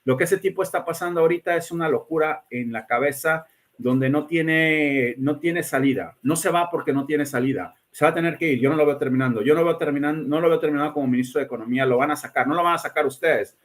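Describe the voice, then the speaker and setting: A man's voice: a little high, fast. A man hosting a casual livestream, talking emphatically, repeating himself and greeting viewers by name. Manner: emphatic, repeats words and restarts often. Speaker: livestream host giving predictions.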